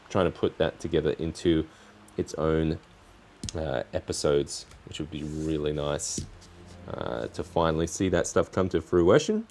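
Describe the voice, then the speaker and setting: On his laid-back crafting stream, this man speaks in a fairly low voice and lets his talk wander. His phrases come out halting and choppy, often trailing away as he works.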